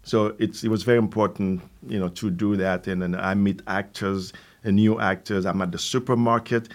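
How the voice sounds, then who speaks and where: A Haitian-accented man in his sixties, who founded a theater company, answers interview questions as a guest, conversationally but haltingly, repeating words and adding asides. His voice is lowish with fairly even intonation.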